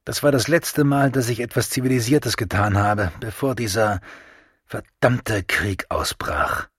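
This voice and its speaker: A man's voice: fairly low pitch, measured pace, slightly rough, dry recording, studio quality. A man voicing a German army captain greeting an old friend in an audiobook, in a raised, heartfelt voice. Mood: earnest.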